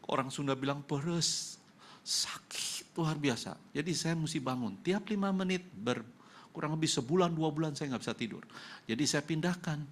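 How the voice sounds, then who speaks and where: Brief: male pastor, Indonesian accent, gravelly, fairly high voice, emotional testimony preaching. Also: fairly quick, slight background noise. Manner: emotional storytelling, acting out dialogue. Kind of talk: testimony sermon. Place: church.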